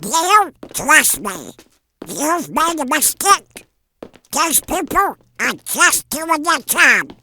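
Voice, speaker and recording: An earnest cartoon duck superhero, male and easily flustered, acted by a voice performer. The high voice swings expressively and takes its time. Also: very animated, slow, bright, forceful tone, exaggerated voice. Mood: sober. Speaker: voice actor in a comic dub. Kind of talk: acted comic dub dialogue. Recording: music behind the voice.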